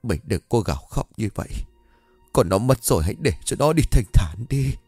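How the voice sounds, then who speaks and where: A tough old father, played by a man, speaking in a low, hushed and restrained voice. It is dry storybook narration with faint music. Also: animated, fast, dry recording. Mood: restrained grief. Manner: quiet, restrained. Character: older stern father, restrained grief.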